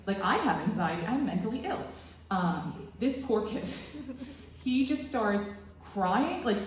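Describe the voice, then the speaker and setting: A woman's voice: medium pitch, darkish tone. Woman comic, echoey room from afar. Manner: rambling, crude, self-deprecating. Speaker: stand-up comedian. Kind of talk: stand-up storytelling. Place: small student comedy club room. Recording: very echoey room, distant mic, faint noise.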